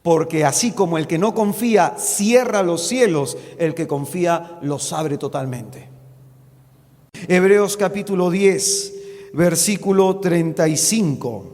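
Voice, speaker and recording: Fervent high-voiced man preaching. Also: slow, in a large hall. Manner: fervent, rising to loud exclamations. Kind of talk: sermon.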